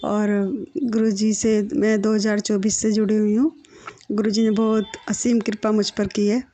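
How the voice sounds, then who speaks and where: A woman from India calmly telling a devotional story of thanks to her guru. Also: mid-range voice, normal speed, no room sound. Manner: earnest, plain storytelling. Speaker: devotee sharing testimony. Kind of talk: devotional testimony.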